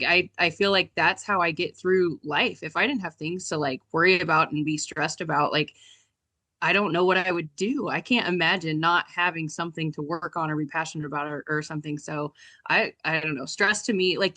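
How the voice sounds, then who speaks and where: Fast-talking chatty woman co-host. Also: fairly low pitch, bright, forceful tone. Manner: chatty, peppered with "like". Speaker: podcast co-host, HR director. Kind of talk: casual podcast chat.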